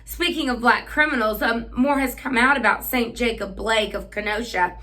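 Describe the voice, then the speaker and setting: Bright-voiced sarcastic woman host. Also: on the high side, moderate pace. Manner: sarcastic, combative, with frequent fillers and restarts. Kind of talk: political commentary monologue.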